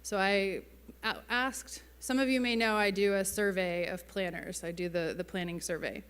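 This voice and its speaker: Female conference presenter, careful and measured for an audience, amplified in a big echoing hall. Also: medium pitch, fairly even intonation, a bit bright, smooth. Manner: careful, slowly spoken English for foreign listeners. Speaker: keynote speaker, advertising strategist. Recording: reverberant hall, amplified stage talk.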